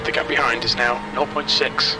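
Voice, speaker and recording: A man voicing a racing spotter who gives terse pit radio calls, clipped and flat, about gaps, fuel and traffic. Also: medium pitch, moderate pace. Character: calm male racing spotter on team radio. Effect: terse pit radio call. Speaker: race spotter and crew chief. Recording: distant voice over loud engine noise. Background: race car engine roar.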